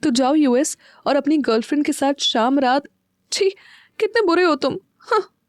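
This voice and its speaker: Audio-story casting: a woman playing a fiery Punjabi young wife, indignant and higher-voiced. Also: normal speed, no echo, clean studio sound, natural voice. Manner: huffy, indignant and sharp-tongued.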